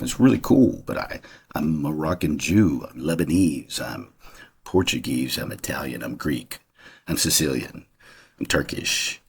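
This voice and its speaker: A man with a very low, husky voice talks through his family background as if chatting with a friend. He rambles, stops and restarts, and fills the gaps with "uh" and "you know", sounding unscripted. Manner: rambling, conversational, many fillers and restarts. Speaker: channel host. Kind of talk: casual personal monologue.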